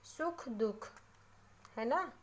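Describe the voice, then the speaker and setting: A woman with a somewhat high voice teaches a classroom grammar lesson. She goes through terms one at a time and repeats them slowly. She keeps checking in with short tag questions. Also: lively intonation.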